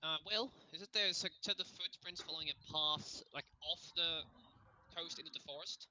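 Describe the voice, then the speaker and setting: Higher-voiced man gaming over a noisy mic. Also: moderate pace. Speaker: tabletop game player. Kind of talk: casual role-play chat. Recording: noisy microphone with clicks.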